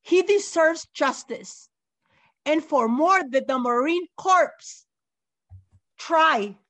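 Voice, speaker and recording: A woman's voice: sits high, fairly bright tone. A middle-aged mother giving emotional, insistent testimony as an interview guest, near tears and repeating herself.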